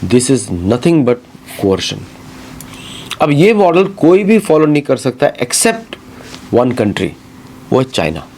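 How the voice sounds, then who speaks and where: A man's voice: medium pitch, sing-song, slow, pauses often, a little mellow, a little hiss or hum. A man giving emphatic commentary on current affairs, switching between Hindi and English. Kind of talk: talk-show commentary.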